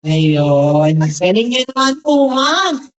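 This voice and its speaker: A woman's voice: medium pitch, sing-song, takes it slowly, low-quality recording. A woman hosting a surprise gift delivery who talks very politely, putting "ma'am" at the end of nearly every phrase.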